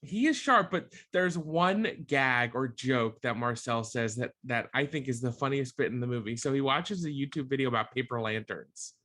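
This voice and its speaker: A man's voice: mid-range voice, moderate pace, few pauses, a bit bright. A man co-hosting a casual podcast, retelling favorite jokes from a film with laughter. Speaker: podcast co-host.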